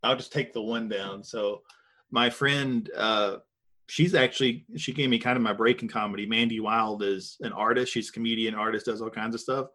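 A man's voice: fairly low pitch, fairly even intonation, moderate pace, pushed and bright. Easygoing Southern man hosting a podcast. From American South. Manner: rambling, filler-heavy, easygoing. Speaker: podcast host. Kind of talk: casual podcast chat.

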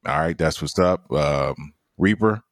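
Male podcast host, deep voice, dry sound, easygoing moderator. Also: measured pace, no echo. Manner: laughs easily, steady moderating. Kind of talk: casual podcast discussion.

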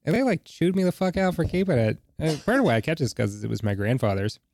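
A man with a gravelly, dark voice talks hesitantly, pausing and starting over as he searches for words. The sound is close and dry. He is co-hosting a casual podcast. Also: fairly high pitch, big pitch swings, dry recording. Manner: hesitant, halting, with frequent restarts. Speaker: podcast co-host. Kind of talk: casual chat.

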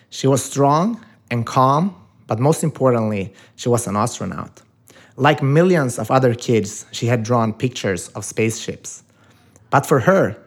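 Guy hosting a podcast, upbeat and admiring, mid pitch voice. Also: breathy edge. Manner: enthusiastic, admiring. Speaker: podcast host. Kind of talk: interview hosting.

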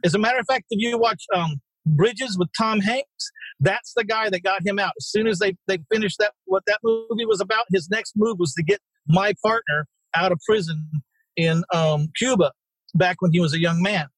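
Husky, high-voiced blunt male guest. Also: normal speed, a bit bright, no echo, poor audio. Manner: blunt and salty, with mild swearing. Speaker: podcast guest, real estate investor. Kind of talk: casual interview storytelling.

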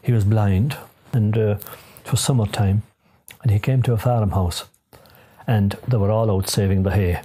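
A man's voice: fairly low pitch, fairly even intonation, moderate pace, dark tone, breathy edge. An older man with an Irish accent, telling folklore unscripted in a traditional storyteller's lilt. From Ireland. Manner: lilting traditional storyteller's delivery.

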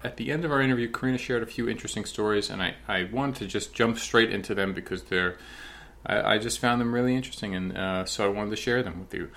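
Halting male podcast host. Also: lowish voice, creaky, fairly bright tone. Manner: halting, repeats words while framing questions. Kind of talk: podcast interview.

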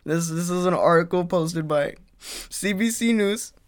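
A man's voice: sits high, a little slow. Young male comedy podcast co-host, playful and teasing. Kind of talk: casual comedy chat.

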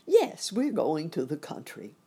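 Woman as Uncle Wiggily, a jolly husky rabbit gentleman. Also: sits low, huge pitch swings, full character voice. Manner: genial, unhurried, old-fashioned phrasing.

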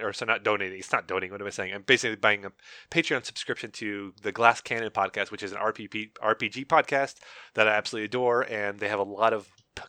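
Fast, bright-voiced young man rambling. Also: lowish voice, dry recording. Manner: rambling, self-correcting, jokey. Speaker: podcast co-host. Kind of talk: casual chat.

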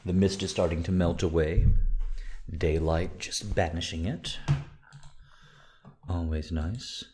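Very deep, slow-paced, mellow man. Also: fairly even intonation, slight background noise. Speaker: audio erotica performer and live streamer. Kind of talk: slow, intimate first-person narration of erotic fiction, then casual chat to listeners.

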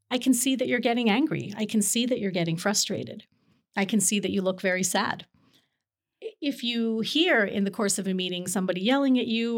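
Woman doc co-hosting, mid-pitch voice, calm and measured, explaining stuff. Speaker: physician and podcast co-host. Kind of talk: casual conversational teaching.

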